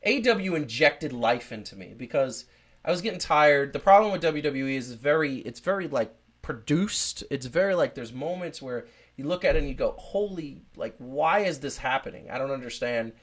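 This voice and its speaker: A man's voice: fairly high pitch, expressive, moderate pace. Rambling casual podcast host, a man. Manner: rambling, many fillers and restarts.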